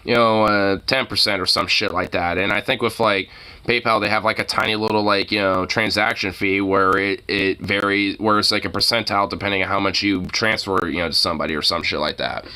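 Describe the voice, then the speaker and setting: A man with a fairly low but bright, forceful voice talks off the cuff like a streamer. He rambles and doubles back, swearing casually as he goes. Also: steady tone, fairly quick, clear, resonant tone.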